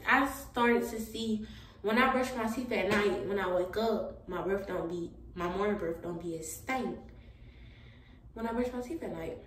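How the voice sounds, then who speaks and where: A young woman vlogs from home, chatting laid-back to camera with Southern US slang, sounding tired and slightly out of breath. Her medium-pitched voice comes through an echoey room and a distant mic, with some hiss or hum on a low-quality recording.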